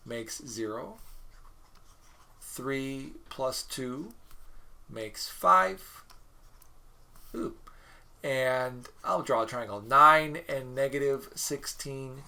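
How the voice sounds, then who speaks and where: Guy teaching math on a video lecture, bright ringing voice, talks thru problems w little jokes. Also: mid-range voice, slow pace, vocal fry. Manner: chatty, jokey teacher who works problems aloud. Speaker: math instructor. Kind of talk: recorded mini lecture.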